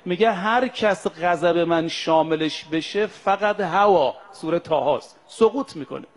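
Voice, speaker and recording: A male preacher giving a sermon to pilgrims, slowing to chant Arabic quotations and then explaining them in plain speech while addressing the brothers and sisters before him. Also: fairly high pitch.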